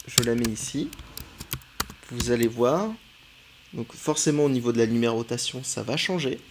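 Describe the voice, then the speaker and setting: A man's voice: medium pitch, background noise. Man thinking aloud over keyboard clicks. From France. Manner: relaxed, thinking aloud while typing, frequent "euh". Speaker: teacher. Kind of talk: screen-recorded coding tutorial.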